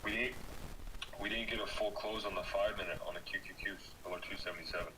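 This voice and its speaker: A man's voice: on the low side, fairly even intonation, fast. Man on a choppy, breaking-up call. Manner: terse trading questions and chart levels. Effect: choppy, breaking-up video call audio. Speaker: trader calling into a live market stream. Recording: distant, noisy online call line.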